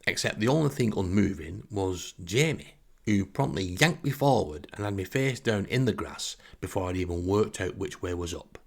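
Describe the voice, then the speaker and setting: A comic storyteller from Northern England, with a Northern English accent, tells a funny first-person anecdote in a wry, self-deprecating way. His low voice is animated with vocal fry, at a moderate pace.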